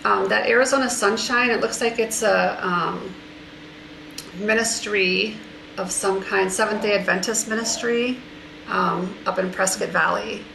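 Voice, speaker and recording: A woman on a board's staff reports at a meeting, hesitating with frequent ums. Her voice has a gravelly fry to it. She is heard in an echoey room with clear background noise. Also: medium pitch, fairly even intonation, unhurried.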